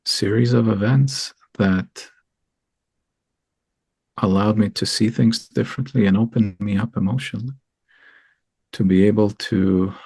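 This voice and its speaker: A man from Israel, a guest in an interview, talking in an earnest, thoughtful way and pausing often with ums. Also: lowish voice, vocal fry, a little mellow, breathy edge, dry recording. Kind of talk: reflective interview talk.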